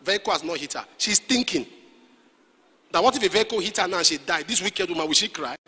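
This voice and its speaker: A man preaches in a high, piercing voice with a husky grain, leaping from hushed, low asides to shouted bursts. His sermon swings hard in pitch and rings with the long reverb of a big church hall. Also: animated, fast. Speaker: pastor.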